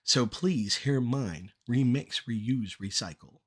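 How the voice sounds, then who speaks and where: A middle-aged man with a medium-pitched, husky voice performs rhymed spoken-word poetry. His delivery is measured and deliberate, built from short phrases.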